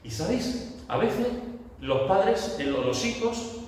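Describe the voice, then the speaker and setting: A fairly high-voiced man preaches with insistent, repeated phrases. His voice carries from a distance in a very echoey church hall with a long tail of reverb. A faint room hiss sits underneath. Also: big pitch swings, slow, darkish tone. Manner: emphatic preaching with repeated phrases, building to exhortation. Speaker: pastor. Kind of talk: sermon.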